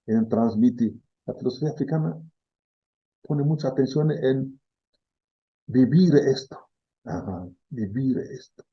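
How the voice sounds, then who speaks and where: This middle-aged Congolese philosophy professor, appearing as an interview guest, works through ideas thoughtfully, often checking in with "¿sí?" and repeating key words. His lowish voice has vocal fry and a slight roughness, and the sound is lo-fi.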